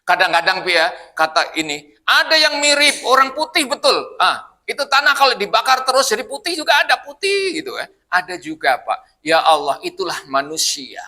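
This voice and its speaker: A man's voice: high-pitched, big pitch swings, moderate pace, sharp tone. A man preaching at a mosque study session, joking and asking his congregation questions in a loose, conversational way. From Indonesia. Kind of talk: Quran study sermon.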